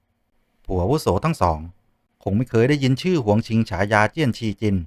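A man voicing a calm, composed male official with a deep, measured voice. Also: dry recording, studio quality, close to an everyday voice. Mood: solemn.

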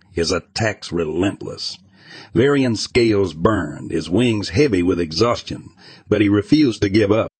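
A man narrating a fantasy audiobook in an even, measured reading style. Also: sits low, husky, no room sound.

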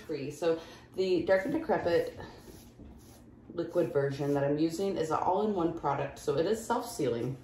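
A woman's voice: low-pitched, a little hiss or hum. A woman vlogger talking casually while she works on a DIY project in a room of her house. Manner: casual, talks while working. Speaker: lifestyle vlogger. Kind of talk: casual on-camera DIY demonstration. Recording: echoey room with soft music.

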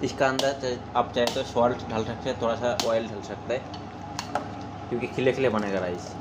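A man's voice: medium pitch, fairly even intonation, fairly quick, heavy background noise. A man casually narrating his cooking step by step in a home kitchen, talking to his viewers as friends. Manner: chatty, step-by-step, keeps saying "friends". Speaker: cooking vlogger.

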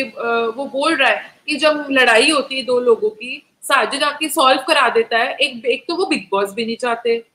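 A young woman hosts a casual live stream, reviewing a TV episode and chatting with viewers. Her voice sits high and sounds bright and forceful, and her talk is animated, with English mixed in. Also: rough recording. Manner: animated, mixes Hindi with English, talks to chat viewers. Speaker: live-stream host reviewing a reality show.

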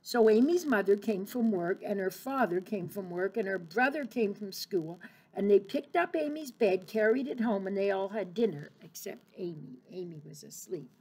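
A woman reading a children's picture book aloud in an expressive, sing-song way, as an early childhood educator. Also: mid-range voice, normal speed, slightly rough, poor audio.

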